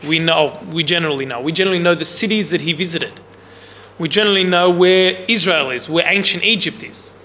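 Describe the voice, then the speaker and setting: A Bible study teacher leads an interactive class for a group in a large room, his loud voice a little high and his pace fairly quick. He talks casually and often puts questions to them without a microphone, recorded from within the room amid long hall reverb and a faint hiss.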